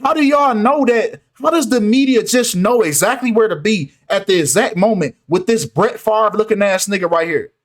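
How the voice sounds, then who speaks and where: A man talking in an animated, insistent way in a casual commentary video, often repeating "right?" and "come on, man". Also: high-pitched, moderate pace, hardly any pauses.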